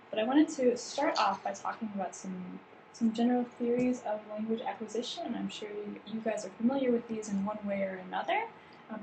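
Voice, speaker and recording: A workshop trainer with a mid-range, slightly mellow voice leads a staff training session, explaining ideas at length with frequent fillers and restarts. The recording is roomy, with background noise.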